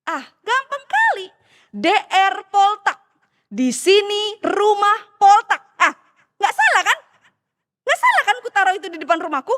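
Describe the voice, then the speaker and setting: A woman's voice: very high-pitched, wildly swooping pitch, brisk, sharp tone, long reverb tail, heavily acted. A woman preacher voicing a sly, boastful former minibus driver with a Medan accent, exclaiming and whispering conspiratorially.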